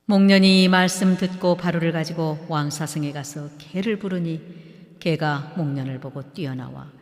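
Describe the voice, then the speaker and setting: Male monk, sutra recitation, steady and solemn, long reverb. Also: a little high, moderate pace.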